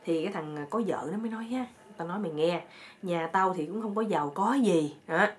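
A woman telling a comic story in a lively, chatty way full of exclamations. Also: on the low side, brisk, a little hiss or hum.

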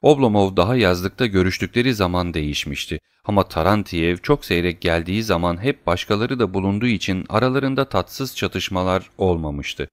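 A man reads a novel aloud in a measured, even narration. His voice sits low, and the recording is dry with no room sound. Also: no room sound. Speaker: audiobook narrator. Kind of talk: scripted narration.

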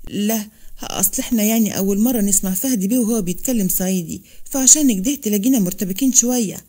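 A woman's voice: medium pitch, quick pace, dark tone, natural voice. A woman doing a polite Egyptian office clerk. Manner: polite, placating.

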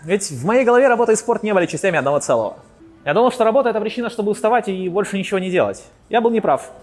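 A man in his late twenties narrating a scripted video message, lively and enthusiastic. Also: sits high, very fast, reverberant, soft background music. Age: 20s. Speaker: contest entrant.

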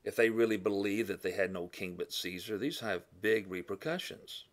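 A man teaching a Bible lesson in a classroom style, thinking aloud with fillers, correcting himself and often clearing his throat. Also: on the low side, moderate pace.

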